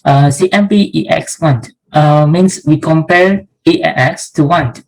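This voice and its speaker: A man's voice: a little high, a little slow, gravelly, low-quality recording. A young man from Indonesia, a student, methodically explaining code step by step in a class presentation. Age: young adult.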